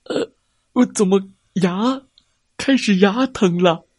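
A man's voice: high-pitched, slow pace, darkish tone, no room sound, clean studio sound, voice pushed up. A man voicing a greedy, gullible big male tiger in a children's story, whiny and naive. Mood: whining in pain.

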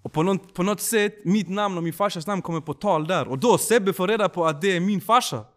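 A man telling a personal story in a casual podcast chat, slangy and animated, often checking that the listener follows. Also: sits high. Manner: slangy, animated, keeps asking if you follow. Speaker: podcast guest.

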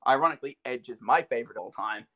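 A man co-hosting a casual podcast chat, excitable and animated, laughing often. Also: mid-range voice, rapid-fire. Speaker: podcast co-host.

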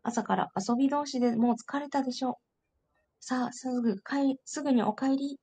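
A woman's voice: sits high, moderate pace, mellow, slightly rough. A woman reader voicing a loving, doting mother who coaxes her young son to come home, in a fond, motherly tone. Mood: coaxing. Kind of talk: storybook reading.

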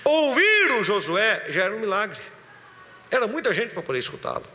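A man preaching a sermon as a pastor, dropping to a hush and then rising loud again. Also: high voice, sing-song, brisk, big-room sound, slight background noise. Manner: preaching, swings from hushed to loud. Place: church.

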